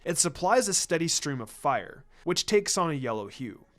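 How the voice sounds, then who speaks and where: Reading fan fiction, a man with a voice on the high side plays a serious adult ninja mentor. He explains things in a calm, stern, deliberate way.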